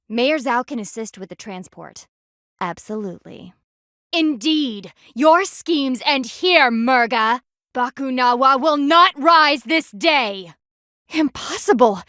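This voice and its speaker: A woman voices a stern, proud panda warrior for a video game, her voice sitting high and a bit bright. She speaks formally with haughty, precise diction in a serious tone, recorded studio-clean with no room sound.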